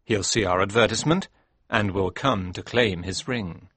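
A man voicing Sherlock Holmes, a sharp, confident male detective, in a brisk, commanding way. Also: on the low side, breathy edge, dry recording. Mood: explaining. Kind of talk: audiobook reading.

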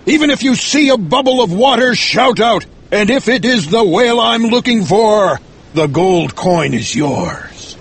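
A man's voice: high voice, lively intonation, a little slow, husky, voice pushed up, exaggerated voice. A man voicing a fierce, obsessed, vengeful whaling captain with intense, roaring, dramatic delivery, as in an audiobook. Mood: fierce, commanding.

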